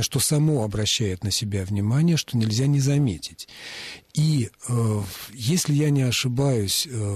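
A man, a language expert, giving measured explanations to callers on a radio call-in show, with frequent hesitant fillers. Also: mid-range voice, darkish tone, husky, no room sound.

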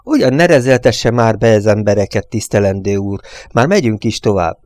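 A man playing a gruff, impatient truck driver. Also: fairly low pitch, a little mellow, no room sound, natural voice. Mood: mocking.

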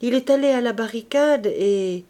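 A woman reading an audiobook voices an anxious male servant delivering an urgent, hurried report. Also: a little high, mellow, voice pushed up, lightly acted.

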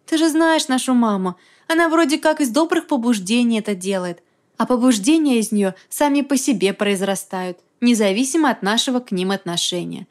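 A woman voicing a gentle, soothing young woman. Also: fairly high pitch, brisk, close to an everyday voice. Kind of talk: audiobook character voice.

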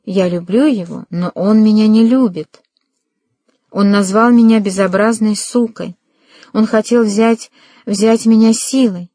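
A woman's voice: medium pitch, measured pace, warm tone, no echo, pitched above the performer's own voice, lightly acted. A woman voicing a proud young woman who turns hysterical and tearful, in an audiobook reading. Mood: sobbing. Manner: stiff and prim, then hysterical and tearful.

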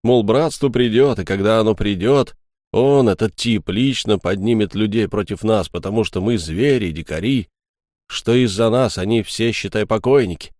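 A man's voice: lowish voice, moderate pace, a little mellow, dry recording, clean studio sound, close to an everyday voice. A man voicing an agitated young man, torn between fear and anger, who snaps and pushes through his words. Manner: agitated, snapping. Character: agitated young male friend, scared and angry.

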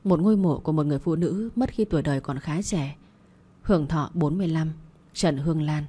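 Mellow-voiced woman reading a story. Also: low voice, fairly quick, slightly rough. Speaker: audiobook narrator. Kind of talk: first-person story reading.

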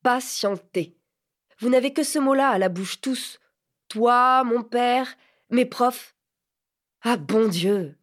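A woman's voice: fairly high pitch, fairly even intonation, moderate pace, lightly acted. A woman reading an audiobook, voicing a brooding, impatient teenage boy in passionate, declamatory outbursts. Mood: impassioned, exasperated.

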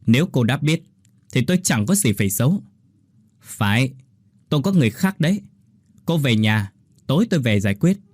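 A man's voice: medium pitch, big pitch swings, a little fast, darkish tone, no room sound. A man voicing an arrogant, angry husband who scolds his wife harshly and with contempt. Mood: cold. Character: angry arrogant male sales director husband.

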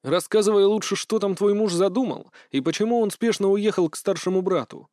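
A man's voice: sits high, a little fast, warm tone, no echo, clean studio sound, pitched above the performer's own voice, close to an everyday voice. Brash young wife Pyon, as a man voices her. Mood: scolding. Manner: brash and teasing. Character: bold, sharp-tongued young wife.

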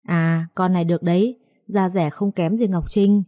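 A woman's voice: on the low side, fairly even intonation, moderate pace, warm tone, no room sound, clean studio sound, natural voice. A woman reading aloud, voicing a crude, threatening male debt-collector thug. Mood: leering. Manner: vulgar, taunting, threatening.

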